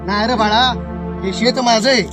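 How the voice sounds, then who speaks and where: A man playing a gentle farmer father who soothes his weeping son, repeating calming words. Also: high-pitched, normal speed, close to an everyday voice. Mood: soothing. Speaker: actor. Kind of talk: short film acting. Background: film music.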